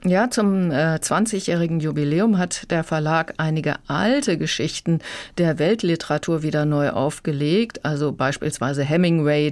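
Thoughtful radio book critic. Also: mid-range voice.

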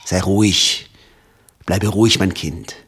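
A man voicing a father who speaks in a low, soothing, steady way. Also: slow, slightly rough, full character voice. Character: calm, reassuring father on horseback.

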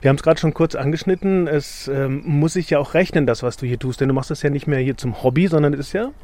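A man's voice: fairly high pitch, fast, darkish tone. A man conducting a casual radio interview outdoors on a farm, conversational and probing, often tagging his questions. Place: outdoors at a vegetable field.

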